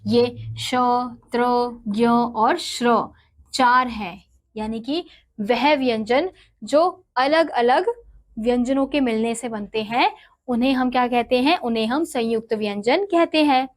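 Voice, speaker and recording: A woman's voice: a little high, takes it slowly. A woman teaching a grammar lesson, patiently asking and answering her own questions and spelling out letters one by one.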